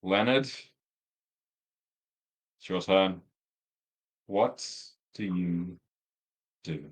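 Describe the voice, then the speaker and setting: A man's voice: deep voice, drawn-out words, husky, poor audio. A man running a tabletop game as game master, wry and laid-back.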